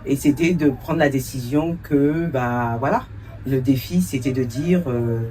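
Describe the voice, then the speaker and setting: A woman's voice: rumbling low, a little slow, warm tone, recorded from a distance, a little hiss or hum. A woman in her forties, raised in France, answering interview questions as a cultural entrepreneur and producer, thoughtful, with many hesitations and a few English words mixed in.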